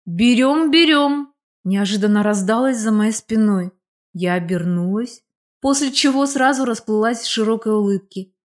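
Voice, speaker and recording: A young woman narrating a first-person story as an audiobook, reading in a lively, expressive way. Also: medium pitch, normal speed.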